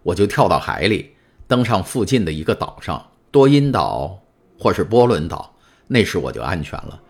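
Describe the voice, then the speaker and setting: A secretive, calculating older prisoner questions a stranger through the stone, as a man puts him on. His voice sits low and moves a lot in pitch. He is guarded and grave in this storybook reading. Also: very animated, moderate pace, slightly rough, exaggerated voice. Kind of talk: audiobook character voice.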